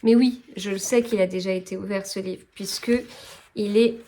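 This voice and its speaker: A woman's voice: medium pitch, steady tone, moderate pace, mellow, a little hiss or hum. A woman chatting casually about books as a vlogger, rambling and correcting herself as she goes. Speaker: book vlogger. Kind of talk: casual book chat.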